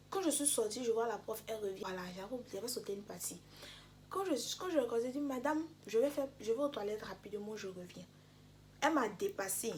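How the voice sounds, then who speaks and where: A young woman vlogger telling a storytime to her viewers, animated and direct, often dropping to soft, near-whispered asides. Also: on the high side, slight background noise. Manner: talks straight to viewers. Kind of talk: storytime vlog.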